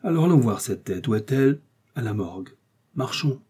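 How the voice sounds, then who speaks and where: A man reading an audiobook, voicing a calm, unflappable detective who speaks unhurriedly. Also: medium pitch, moderate pace, breathy edge.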